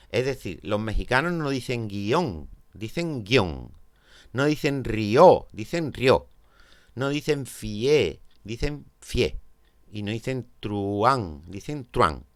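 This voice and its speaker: A man from Spain with a Peninsular Spanish accent, teaching a grammar lesson step by step and checking in with his students. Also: medium pitch. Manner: explains step by step, checks in with "¿vale?".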